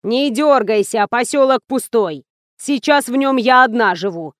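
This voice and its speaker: A shrill, scheming old village woman scolds in a loud, slow, accusing way, as a woman reader puts her on. Her voice sits fairly high. The sound is dry and close. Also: expressive, no echo. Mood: scolding.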